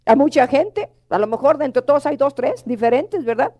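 A woman's voice: sits high, expressive, normal speed, dark tone. A middle-aged woman preaching a sermon, emotional and pleading, often calling out to the congregation.

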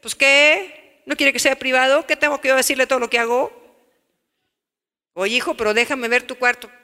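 A woman's voice: high-pitched, fairly even intonation, normal speed, sharp tone, smooth, in a large hall. A woman preacher voicing a sulky teenage boy who brushes off his mother, in a Mexican accent, mumbling and dismissive. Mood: defensive. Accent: Mexican Spanish.

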